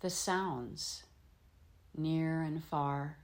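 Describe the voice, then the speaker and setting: A low-voiced yoga nidra teacher guides a relaxation meditation, speaking very slowly and gently. She leaves space between short, soothing phrases, giving unhurried instruction with long pauses.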